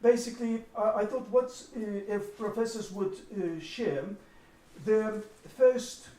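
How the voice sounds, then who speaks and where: A man whose first language is Lithuanian, moderating a roundtable in English, halting, with frequent fillers and restarts. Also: sits high, warm tone. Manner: hesitant, many fillers and restarts. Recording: roomy hall from far off.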